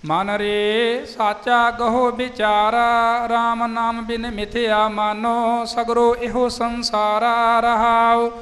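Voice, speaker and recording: A man reciting scripture in a slow, half-sung chant with a steady delivery. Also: extremely high pitch. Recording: long reverb with faint music.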